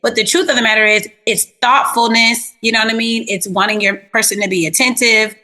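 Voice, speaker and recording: Bright-voiced chatty woman therapist. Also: fairly high pitch, a little fast. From South Florida. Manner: animated, chatty, plain-spoken with slang. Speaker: therapist, interview guest. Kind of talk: casual interview storytelling.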